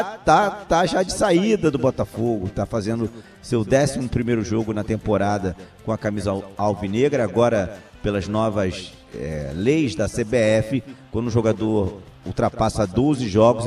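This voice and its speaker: A Brazilian man giving unscripted football analysis in a halting way, repeating words as he recaps. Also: on the low side, a little mellow, distant mic.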